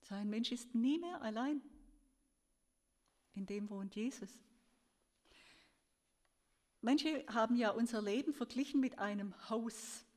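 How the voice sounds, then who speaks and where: A woman giving a sermon in an earnest, gentle storytelling way, her voice rising and falling as she tells a story. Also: fairly high pitch, unhurried. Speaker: preacher.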